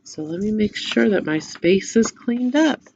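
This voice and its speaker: A woman teacher giving gentle step-by-step craft instructions and reading a story to children. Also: medium pitch, animated, measured pace, lo-fi sound, slight background noise. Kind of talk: craft lesson and story read-aloud for children.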